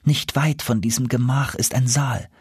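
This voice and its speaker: A man voicing an enchanted princess turned into an owl, speaking in a plaintive, soft, husky voice. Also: mid-range voice, steady tone, normal speed, no echo, studio quality, pitched above the performer's own voice. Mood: confiding.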